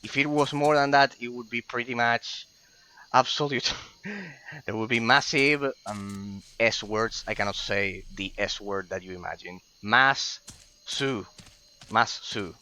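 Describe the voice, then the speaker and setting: A man's voice: medium pitch, slow, long pauses, sharp tone. A man from Argentina, chatting casually while streaming gameplay, rambling and effusively thankful with many restarts. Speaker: game streamer.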